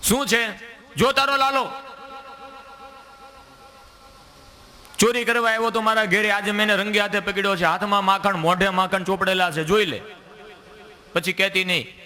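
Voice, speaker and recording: Casting: a shrill, indignant young milkmaid, put on by a male storyteller. Pitched well up, loud and triumphant. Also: expressive, fairly quick. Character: scolding village milkmaid, a young woman.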